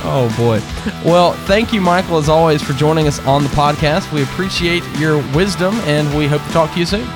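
A man's voice: fairly high pitch, fairly quick, over music. A man hosting a podcast in a casual, jokey, chatty way. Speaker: podcast host. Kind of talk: casual interview chat.

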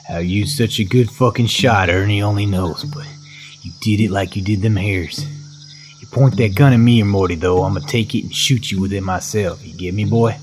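A man voicing a violent, foul-mouthed frontier father who snarls threats and bursts into yells, over guitar music. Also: on the low side, steady tone, normal speed, noisy background, natural voice. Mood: gruff orders.

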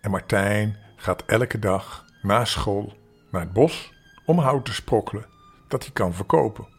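An older man from the Netherlands reading a bedtime story aloud for children, gentle and expressive with small slips. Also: on the low side, unhurried, slightly rough, faint music behind.

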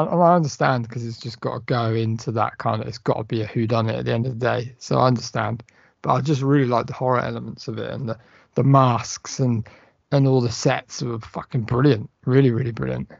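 A man's voice: medium pitch, creaky, no echo, highs cut off. A man co-hosting a horror film podcast, rambling casually with lots of fillers and the odd swear. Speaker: podcast co-host. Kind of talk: casual chat.

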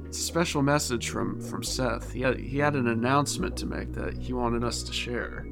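A male podcast co-host with an ordinary mid-range voice who strings his partner along with slow, deadpan teasing. He talks casually and with a grin, and faint music sits low behind him. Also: vocal fry. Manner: teasing, deadpan build-ups. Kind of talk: casual comedic chat.

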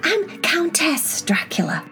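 A woman's voice: very high voice, big pitch swings, takes it slowly, bright, forceful tone, faint music behind, pitched above the performer's own voice, full character voice. A woman voicing Vaya, a playful girl who answers in a teasing, sing-song way.

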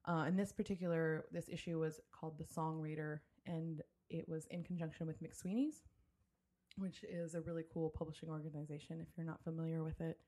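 A woman's voice: low voice, level tone, brisk, mellow. A woman hosting a casual podcast from a home studio, chatting loosely with many fillers and restarts. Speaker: podcast host. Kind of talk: casual chat. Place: home studio, drinking with a guest.

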